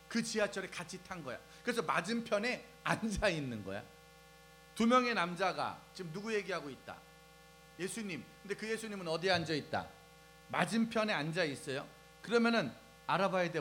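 A man preaching a lively sermon to young people, asking the crowd questions and acting out scenes as he goes. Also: high voice, low-quality recording. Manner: animated, asks the crowd questions and acts out scenes. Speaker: preacher at a youth service. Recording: faint music and mains hum behind.

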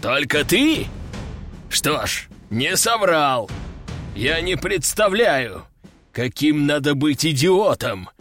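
A furious general who growls his contempt through clenched teeth, as a male narrator puts him on. He speaks slowly and with biting sarcasm, in a fairly high voice. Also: sing-song, a bit bright, soft background music, exaggerated voice. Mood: growling.

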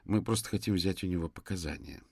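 A man voicing a charming male detective who speaks gently to calm people. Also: low voice, fast talker, slightly rough, dry recording, clean studio sound. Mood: soothing. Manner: gentle, conciliatory.

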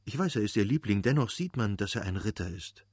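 A man reading the lines of a gracious young aristocratic woman in an audiobook, voice lightly raised and gentle. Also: on the low side, lively intonation, fast talker, breathy edge, no echo, studio quality.

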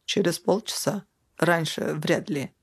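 A woman voicing a sly drunk male lift dispatcher who drawls slowly and slurs his words. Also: low-pitched, breathy edge, full character voice. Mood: smug. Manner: slow, slurred, sly.

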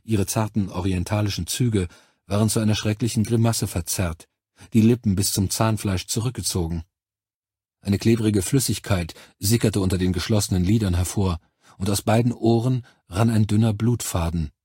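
A man narrating an audiobook in a steady, even storytelling manner, close to a studio microphone. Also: fairly low pitch, normal speed, breathy edge, no room sound.

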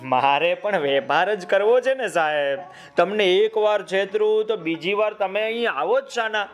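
A man voicing a sly, smooth-talking male shopkeeper who flatters customers and scolds a boy, in a children's story. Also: high voice, unhurried, soft background music, voice pushed up. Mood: flattering.

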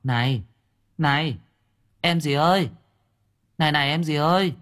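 A man's voice: a little high, measured pace, a bit bright, pitched above the performer's own voice. A man doing a coy, teasing young woman.

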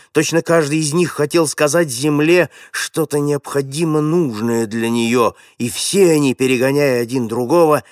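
A man narrating a classic story in a measured, dramatic way. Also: a little high, no room sound, clean studio sound. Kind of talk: audiobook reading of a classic story.

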